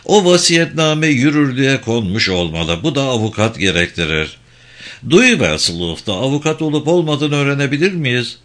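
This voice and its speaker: A man's voice: medium pitch, lively intonation, normal speed, a bit bright, pitched above the performer's own voice, close to an everyday voice. A man reading the lines of a polite Englishman from London who asks probing questions. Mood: inquiring.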